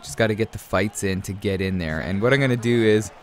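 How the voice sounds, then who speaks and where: The voice is on the low side and quick: a young Canadian gaming commentator, sick with a cold, casually walking through his gameplay. He frequently calls his audience "man" and "guys."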